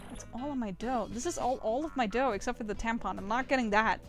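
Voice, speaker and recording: A woman's voice: fairly high pitch, fast talker, soft background music. A woman streaming a dating game, chatting casually, swearing freely and reading game text aloud. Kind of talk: casual gameplay chat with guests.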